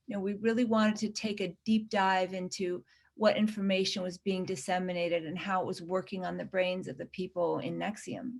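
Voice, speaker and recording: A woman's voice: fairly low pitch, level tone, normal speed, vocal fry. A woman documentary director answering interview questions earnestly, often restarting her sentences.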